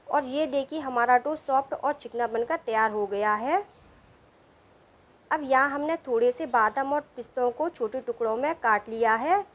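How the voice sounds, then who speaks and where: A woman narrating a cooking recipe step by step in a calm, steady instructional voice-over. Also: fairly high pitch. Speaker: cooking channel host.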